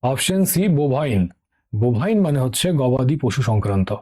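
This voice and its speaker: Speaking at normal speed with lively intonation, a middle-aged man has a medium-pitched voice with a dark tone and a Bengali accent. He patiently teaches English vocabulary for exams online, repeating key words and often checking "ঠিক আছে?".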